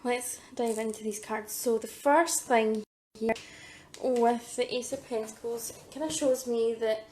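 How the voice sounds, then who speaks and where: Psychic woman doing a tarot reading, slow and mellow, husky from losing her voice, hesitant, in a roomy space. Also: on the high side, a little hiss or hum. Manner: hesitant, many ums and "I feel like" asides. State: losing her voice, throat trouble. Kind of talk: pick-a-card tarot reading to camera.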